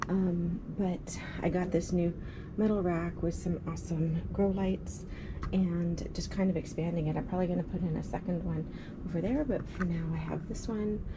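A friendly woman in her 30s with a low-ish voice hosts a garden vlog, chatting in an upbeat way as she walks through her plants. She moves through the rooms of a house and its furnace room, and the recording is noisy with furnace hum.

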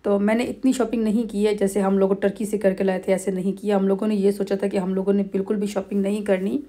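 A middle-aged woman from Pakistan, narrating a family holiday vlog over clips in a relaxed, rambling way with many pauses and fillers. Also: mid-range voice. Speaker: vlogger.

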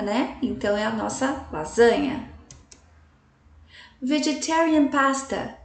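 A woman teaching English vocabulary to Portuguese speakers, enunciating each word carefully and checking in with her students often. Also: on the high side. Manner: slow, careful enunciation with repeated examples. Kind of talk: slide-based language lesson. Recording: echoey room, voice from a distance.

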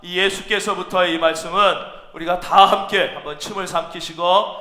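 A man preaching a sermon as pastor, animated, acting out imagined voices and repeating phrases for emphasis. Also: high-pitched, moderate pace. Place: church sanctuary. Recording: echoey church hall.

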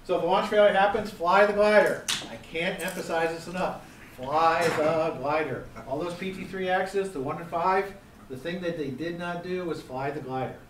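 Middle-aged man, instructor, a bit higher-pitched than most, quizzes listeners and hammers points home; echoey room, distant mic. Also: steady tone, fairly quick, slight background noise. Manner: quizzing the audience, emphatic repetition. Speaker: gliding safety instructor. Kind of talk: interactive seminar lecture. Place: seminar room.

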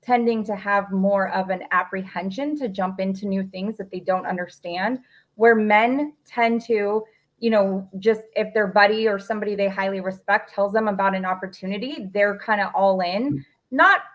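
A woman's voice: mid-range voice, moderate pace. A woman in her thirties hosting a podcast, interviewing a guest over a video call in an encouraging way. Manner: encouraging, laughs easily. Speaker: podcast host. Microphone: video call with a desk microphone.

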